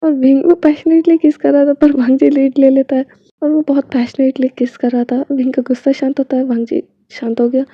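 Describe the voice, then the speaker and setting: High-voiced woman narrating a story. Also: little pitch movement, brisk, dry recording. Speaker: storyteller reading fan fiction. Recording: dull, dry lo-fi recording.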